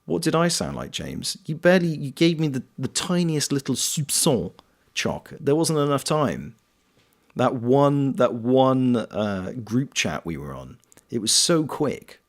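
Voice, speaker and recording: A British streamer and voice actor with a mid-range voice plays a game and chats casually, sounding very animated yet unhurried. He reads viewers' comments aloud and greets them by name.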